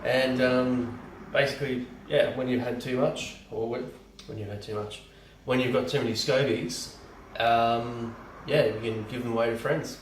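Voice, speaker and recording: A man's voice: medium pitch, steady tone, normal speed, few pauses, a little hiss or hum. Man, home brewer, casual how-to talk, rambling, far from the mic, echoey room. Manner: rambling, lots of ums and restarts. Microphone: camera from a distance. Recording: roomy and distant camera mic.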